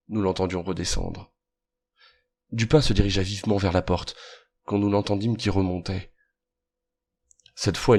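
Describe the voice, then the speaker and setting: A man narrating a classic story as an audiobook in a measured, even manner. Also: low-pitched.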